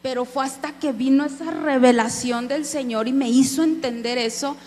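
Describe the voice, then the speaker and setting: A woman's voice: high-pitched, steady tone, moderate pace, darkish tone. Woman preacher giving an earnest testimony. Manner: earnest, addresses listeners as brothers. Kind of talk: sermon testimony. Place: church hall. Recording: echoey hall with faint hum.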